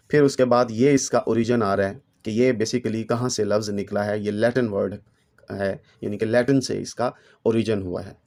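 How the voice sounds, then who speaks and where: A man teaching a textbook lesson, reading English lines slowly and then explaining them in a steady lecturing way. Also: mid-range voice.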